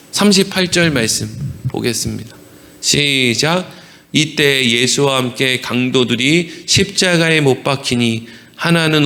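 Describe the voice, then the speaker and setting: A man preaching a sermon as a pastor, animated, acting out quoted voices with sudden shouts. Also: on the high side. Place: church sanctuary. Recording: long church hall reverb.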